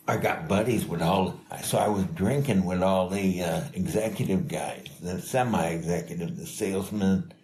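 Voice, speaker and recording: An older man telling life stories in a casual, rambling, halting way, as an interviewee. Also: low voice, darkish tone. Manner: rambling, halting, chuckling delivery. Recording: echoey room with faint noise.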